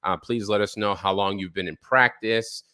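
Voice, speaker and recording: A man with a fairly low, bright voice hosts a live-streamed interview show. He talks loosely and warmly to his audience and fills his pauses with ums and uhs. The recording is dry and close. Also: clear, resonant tone, no room sound. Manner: relaxed, filler-heavy talk with frequent ums. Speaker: podcast host.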